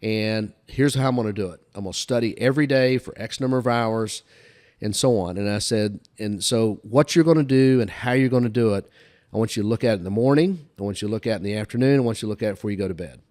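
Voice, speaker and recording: Talking fast in a fairly low, somewhat mellow voice, an older podcast guest tells folksy career anecdotes. He often recounts exchanges of dialogue in a casual way.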